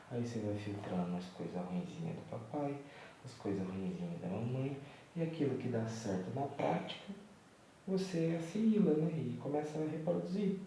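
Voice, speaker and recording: A young man softly coaxing and lecturing his baby son at home at night while filming a vlog, gentle and moralizing. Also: mid-range voice, creaky, far from the mic, a little hiss or hum. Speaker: vlogger and father. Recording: echoey room, voice from off-mic.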